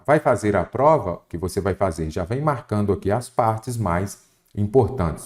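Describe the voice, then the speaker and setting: A man's voice: fairly low pitch, darkish tone. A Brazilian man teaching a Portuguese exam-prep lesson, explaining step by step and asking the viewer questions. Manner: didactic, asks the viewer questions.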